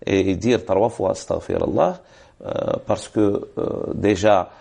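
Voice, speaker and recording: Low-pitched, gravelly and warm with a breathy edge, a man speaks at a measured pace while giving religious advice on a TV program. The religious scholar answers questions in the studio, sounding hesitant, using many fillers and reciting Arabic formulas.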